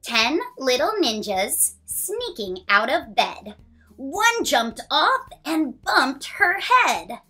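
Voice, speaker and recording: Her pitch is high as this woman in her thirties reads a picture book for children aloud. She stays expressive and sing-song throughout, stretching out phrases and counting along.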